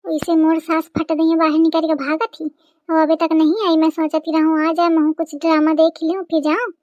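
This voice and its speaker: एक cartoon comedy में कानपुरी देहाती लहजे वाली, झिड़कने वाली तेज़ ज़बान बहू, जिसे एक महिला निभा रही है। आवाज़ बहुत ऊँची है और रिकॉर्डिंग एकदम सूखी, बिना गूँज की।. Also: female voice, very high voice, level tone, moderate pace, a little mellow, dry recording, highs cut off, voice pushed down. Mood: grumbling. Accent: Kanpuri rural Hindi. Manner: scolding, blunt village banter. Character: grumbling rustic daughter-in-law, sharp-tongued, middle-aged. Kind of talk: animated cartoon comedy voicing.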